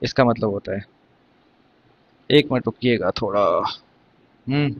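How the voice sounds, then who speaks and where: A man's voice: mid-range voice, measured pace, muffled recording, a little hiss or hum. A man teaching an exam vocabulary lesson, explaining words one by one and quizzing his students.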